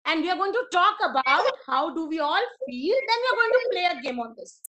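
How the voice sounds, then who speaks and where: A young woman teaching an online preschool class, slow, sing-song and very expressive, praising the children. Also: extremely high pitch.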